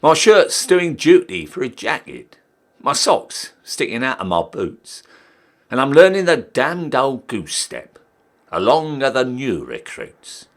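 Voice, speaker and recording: Reciting poetry dramatically, a young man plays a cheeky, old-style Victorian ranker, a down-at-heel ex-soldier signing up again. He sounds rueful and defiant, speaking slowly in a mid-range, heavily acted voice that swoops theatrically, emphatic and wildly animated throughout.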